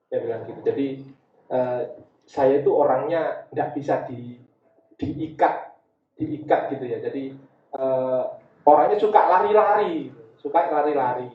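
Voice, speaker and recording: Speaking unhurriedly with long pauses in a mid-range voice, this guest speaker, a community education founder with an East Javanese Indonesian accent, shares personal stories informally and repeats phrases as he talks. The audio is dull and echoey, with him distant from the mic.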